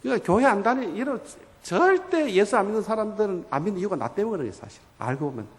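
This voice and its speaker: A male guest pastor giving a lively sermon at an evangelism seminar, acting out little dialogues between churchgoers and their relatives. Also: sits high, fast. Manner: animated storytelling, acting out dialogues of churchgoers and spouses. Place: church sanctuary. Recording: long reverb of a church hall.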